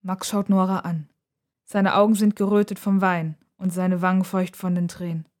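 Calm woman narrating a story. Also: fairly low pitch, normal speed.

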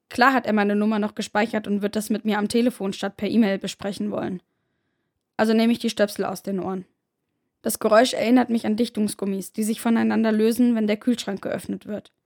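A woman narrating a first-person story in a steady, measured audiobook reading. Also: medium pitch, creaky.

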